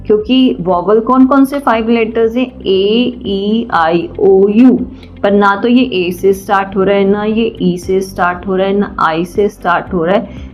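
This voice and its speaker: A woman teaching a children's grammar lesson, patient and deliberate, often asking questions and answering them herself. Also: medium pitch, darkish tone. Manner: slow and deliberate. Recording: dull lo-fi sound, faint music.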